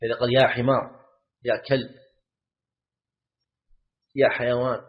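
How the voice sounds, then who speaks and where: A man's voice: medium pitch, level tone, moderate pace. Male scholar repeating key terms. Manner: repeats key words, asks the class questions. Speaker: Islamic scholar teaching a class. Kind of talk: lecture commentary on a legal text. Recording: dull lo-fi lecture recording.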